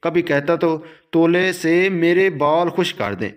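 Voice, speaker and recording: A man giving a scripted narration of a moral story, with a steady, even storytelling delivery. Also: a little high.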